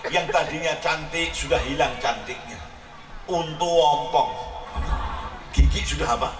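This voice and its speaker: A male preacher giving an animated, humorous sermon at a gathering, mixing in regional words and shouting his punchlines. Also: medium pitch. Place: large hall with audience. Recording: echoey hall recording from far off, audience noise.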